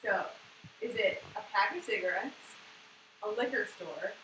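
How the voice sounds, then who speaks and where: A woman's voice: medium pitch, lively intonation, unhurried, fairly bright tone. A young woman from Boston gives a casual presentation to a class of English learners, chatting loosely with many fillers. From Boston, USA. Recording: echoey room with background noise.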